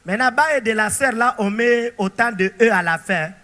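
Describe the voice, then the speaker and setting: A male pastor preaching a sermon, animated and throwing rhetorical questions to the congregation. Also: very high voice, normal speed, big-room sound.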